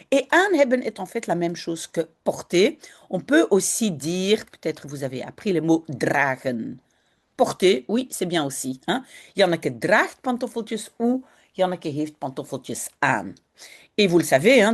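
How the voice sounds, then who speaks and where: A woman teaching online who reads a children's story aloud and then explains it in a patient, encouraging way. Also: fairly low pitch. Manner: patient and encouraging, with animated intonation. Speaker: language teacher.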